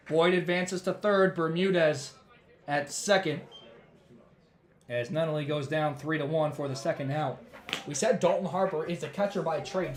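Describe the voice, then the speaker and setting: A man doing baseball play-by-play who is losing his voice, with calm measured calls that rise on big plays. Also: a little high, roomy sound. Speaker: play-by-play announcer.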